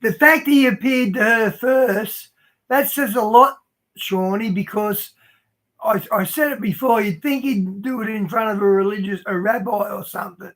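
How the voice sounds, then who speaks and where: A man's voice: sits high, normal speed, a bit bright. A man adding musing, conversational asides in a casual talk. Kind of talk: casual commentary.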